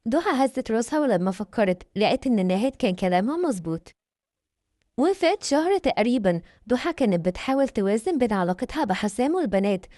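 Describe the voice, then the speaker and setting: A woman's voice: fairly high pitch, very animated, fast, mellow, no room sound, clean studio sound. A woman with an Egyptian Arabic accent narrating a family story. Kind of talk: scripted narration.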